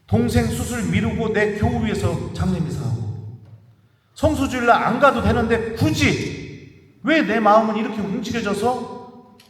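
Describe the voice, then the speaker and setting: High-voiced priest in an echoey church. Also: male voice. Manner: animated, acts out dialogue with rising loudness. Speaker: priest giving a special lecture. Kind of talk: storytelling sermon. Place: large church. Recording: echoey hall, distant mic.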